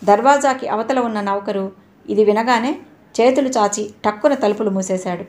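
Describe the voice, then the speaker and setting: A woman narrating an audio novel in a steady, even storytelling delivery. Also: mid-range voice, moderate pace. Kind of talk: novel reading.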